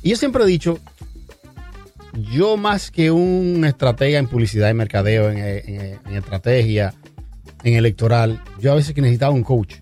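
A man's voice: medium pitch, normal speed, darkish tone, soft background music. A man interviewing a candidate, talking hesitantly and repeating words as he searches for them. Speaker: interviewer, former campaigner.

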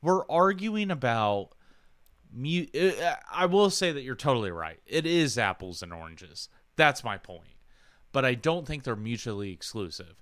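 A man's voice: mid-range voice, sing-song, measured pace, a bit bright, no room sound, studio quality. A man on a podcast mic, ranting in casual chat, profane and heated. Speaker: podcast co-host.

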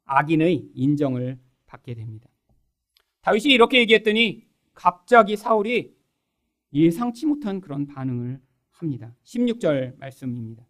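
A man's voice: on the high side, big pitch swings, moderate pace, a bit bright. A man preaching a sermon as pastor, addressing the congregation directly and acting out quoted dialogue. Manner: acts out quoted dialogue in changed voices.

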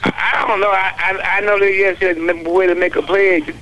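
A man's voice: high voice, level tone, sharp tone. Stammering man heard over a phone line. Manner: halting, stammering, repeats words. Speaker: caller. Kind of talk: call-in chat on a radio show.

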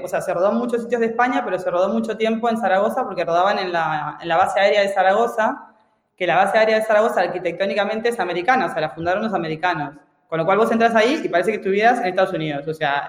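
A man from Spain, a guest in an interview, telling a story in an animated way with many restarts and fillers. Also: high voice, reverberant, big-room sound.

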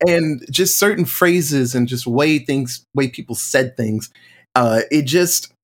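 A man's voice: medium pitch, slow pace. Thoughtful man guesting on a podcast. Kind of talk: casual movie discussion.

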